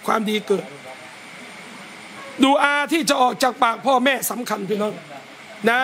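High-voiced man giving a lively sermon. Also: normal speed, slight background noise. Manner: lively, talks straight to listeners and acts out scolding parents. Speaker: Islamic religious teacher. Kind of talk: religious lecture to a gathering. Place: a private home gathering.

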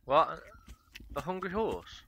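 A man chatting excitedly while gaming, telling stories and laughing. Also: fairly high pitch, slow, slightly rough. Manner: excitable storyteller, laughs and swears. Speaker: gamer. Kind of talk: casual chat while gaming.

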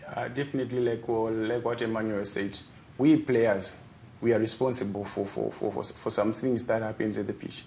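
A young man from Zimbabwe speaks earnestly as a football captain in a studio interview, often repeating a word while he searches for the next. His mid-pitched voice is mellow and dark, with a faint hum of studio ambience behind him. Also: fairly even intonation, moderate pace.

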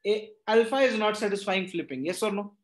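High-voiced North Indian man teaching. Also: a little fast. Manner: repeatedly checks understanding with short questions; mixes Hindi phrases into English. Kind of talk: interactive online reasoning lesson. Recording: roomy echo on the voice.

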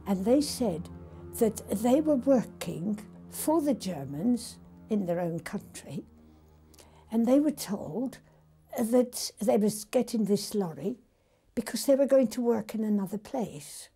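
An older woman gently telling the story of prisoners she once spoke with. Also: a little high, lively intonation, takes it slowly, soft background music. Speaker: interviewee recalling wartime occupation. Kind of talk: reminiscing testimony.

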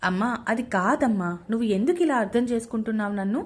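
A woman's voice: on the high side, animated, fast talker, lightly acted. Woman doing a pleading young husband. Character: young husband caught between wife and mother.

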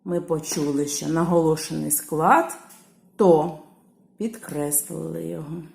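Slow, lively-voiced woman teacher. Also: fairly low pitch, creaky. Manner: calls out words, stretching the stressed syllable. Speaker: primary school teacher. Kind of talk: slow classroom lesson. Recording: echoey room.

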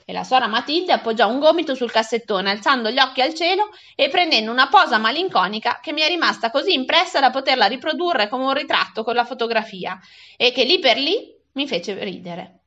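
A woman reading a children's novel aloud with expressive storytelling. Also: sits high, brisk, highs cut off. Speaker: reader.

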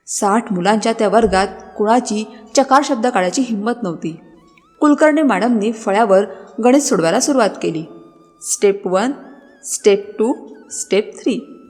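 A woman narrating a scripted story in a dramatic, expressive way. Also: on the high side. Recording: long reverb with background music.

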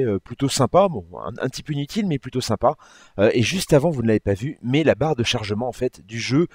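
A man's voice: mid-range voice, a little mellow, no room sound, clean studio sound. A man hosting his gaming channel, talking casually through a game update and often correcting himself as he clicks through menus. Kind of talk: casual gameplay walkthrough commentary.

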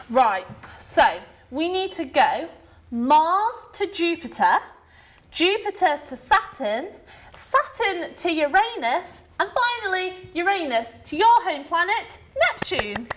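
A woman presenting a children's show in a slow, sing-song manner, coaxing young viewers to join in. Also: very high voice, sing-song, a bit bright. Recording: noisy amateur recording.

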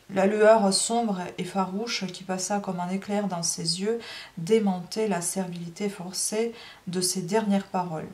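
A woman reading a classic novel aloud in a steady narrating voice, with small restarts now and then. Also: medium pitch. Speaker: audiobook reader.

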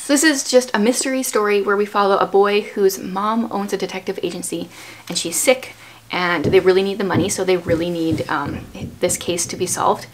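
Speaking fairly quickly in a steady, medium-pitched voice, a homeschooling mom in her thirties leads a relaxed book discussion, explaining points and asking prompting questions. She is indoors in a small furnished room at home. The recording is rough, with a little hiss or hum.

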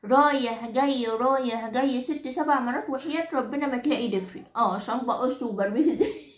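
Woman doing a fast-talking scolding Egyptian granny. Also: a little high, echoey room, natural voice. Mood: scolding rant. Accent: Egyptian Arabic. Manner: scolding, exaggerated oaths, repeats herself. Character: nagging Egyptian granny near ninety, henpecked by her husband. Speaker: comic character monologue. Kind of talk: comic rant to the audience.

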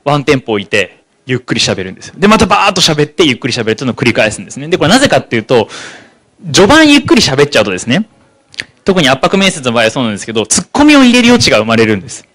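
A man giving a psychology seminar talk, speaking rapidly and slowing down for key points. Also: medium pitch. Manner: rapid, animated delivery that slows for key points. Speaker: lecturer on psychology.

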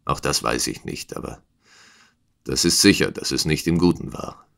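A man voicing a proud, hostile householder in an audiobook, speaking in a low, hushed, menacing way. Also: moderate pace, gravelly, heavily acted. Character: proud, hostile older male Eastern householder.

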